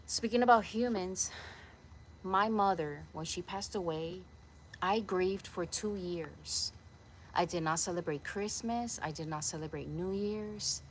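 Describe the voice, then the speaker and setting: A woman's voice: on the low side, unhurried, slight background noise. A young woman from Puerto Rico talking to a camera set nearby in her backyard, earnest and a little preachy as she rambles. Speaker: vlogger. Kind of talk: casual talk to camera. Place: backyard outdoors.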